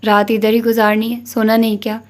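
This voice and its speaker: A woman's voice: a little high, completely flat delivery, darkish tone, close to an everyday voice. A woman voicing a stern, matter-of-fact elderly matriarch in a novel reading.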